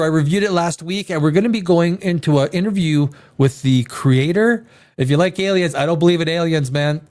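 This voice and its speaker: Slightly mellow and on the high side, this man's voice carries a sniffly head cold as he hosts a live reaction show. His talk wanders, with frequent repeated words and restarted sentences.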